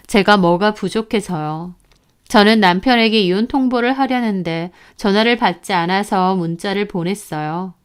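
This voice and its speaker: A woman's voice: medium pitch, clean tone. A woman narrating a first-person story in an aggrieved, recounting manner.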